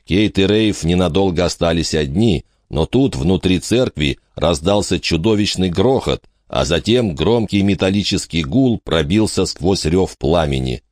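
A man narrating an audiobook in a dramatic, measured reading style. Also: low-pitched, animated, a little mellow, no room sound, clean studio sound. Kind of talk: scripted narration.

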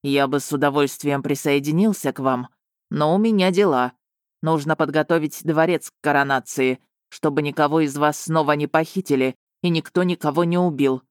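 A woman's voice: low-pitched, moderate pace, dry recording, studio quality, natural voice. A woman voicing a sly, mocking male courtier who teases with a drawl. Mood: teasing. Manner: teasing and drawling.

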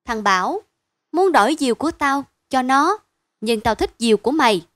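A woman voicing a pushy, boastful village boy in a bedtime story, loud and insistent. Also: fairly high pitch, expressive, normal speed, dry recording, lightly acted.

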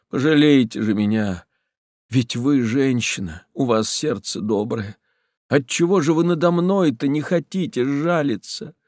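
An obsessive man in the grip of passion speaks low and slow, menacing and anguished by turns, as a male reader brings him to life. The storybook voice sounds dry and close, with middling pitch. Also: a little mellow, no room sound, lightly acted.

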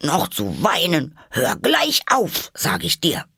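A man's voice: lowish voice, big pitch swings, moderate pace, gravelly, a bit bright, dry recording, studio quality, exaggerated voice. A man reading a storybook voices Alice, a young girl who is curious and tearful and scolds herself sharply. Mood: scolding. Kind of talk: audiobook character voice.

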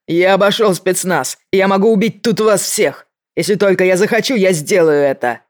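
A reader voicing a desperate, unhinged man who has a bomb and shouts threats down the phone. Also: mid-range voice, normal speed, voice pushed up, lightly acted. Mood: threatening. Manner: shouting, hissing, voice breaking. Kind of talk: audiobook character voice.

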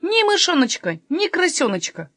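A woman voicing a loud, bossy male robber who shouts when angry, in a read-aloud storybook. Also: very high-pitched, sing-song, moderate pace, no echo, clean studio sound, voice pushed up, exaggerated voice. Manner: exclaiming, shouting.

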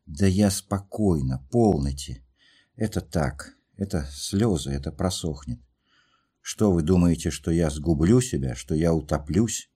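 A man's voice: deep voice, expressive, a little slow, mellow, slightly rough, exaggerated voice. A man reading a story aloud, voicing a hurt young woman who pleads through tears. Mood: distraught. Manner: impassioned, pleading questions.

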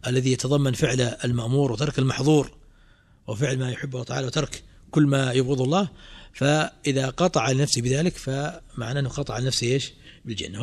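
A man's voice: mid-range voice, husky. A middle-aged man teaching a religious text in class, quizzing students with rhetorical questions and fillers. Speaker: sheikh teaching a creed commentary.

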